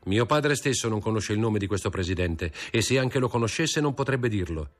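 A man voicing a hushed, anxious magistrate. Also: fairly low pitch, lively intonation, brisk, faint music behind, pitched above the performer's own voice, close to an everyday voice. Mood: tense hushed. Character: grave magistrate father, anxious, evasive. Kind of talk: audiobook reading of a novel.

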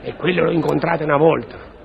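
An actor playing a bumbling man who stammers and mangles words in a radio comedy sketch, with a gravelly voice. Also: fairly high pitch, steady tone, crowd noise. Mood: muddled. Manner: halting, mixes up words, repeats syllables. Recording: dull lo-fi recording with audience laughter.

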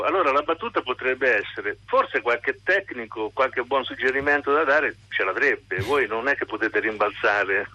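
A middle-aged man speaks on a phone call to a radio programme. His voice is very bright and sharp at an average pitch. He talks informally, in a wry, self-deprecating way. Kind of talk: informal spoken anecdote.

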